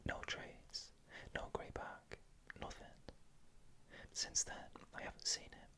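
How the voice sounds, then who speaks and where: Whispered ASMR horror storyteller, hushed and breathy. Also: takes it slowly. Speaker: narrator. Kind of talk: whispered ASMR narration of scary first-person stories.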